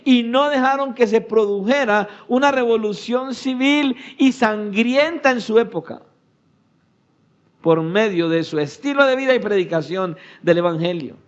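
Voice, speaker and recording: A male pastor preaching a sermon, rising to shouted peaks and dropping to hushed, low phrases. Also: animated, a little slow, muffled recording.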